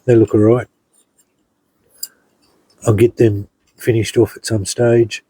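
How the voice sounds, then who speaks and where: A middle-aged man, a hobby blacksmith, casually showing off his finished pieces in an unhurried, rambling way, with many ums and restarts. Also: fairly low pitch, level tone, mellow, breathy edge, no room sound, rough recording. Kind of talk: casual show-and-tell narration.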